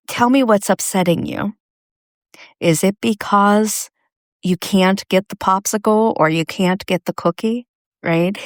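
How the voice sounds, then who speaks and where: A middle-aged woman speaks in a lowish voice as host of a faith-based coaching podcast. She talks conversationally and reassures gently. The recording is close and dry, with no room sound. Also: no echo.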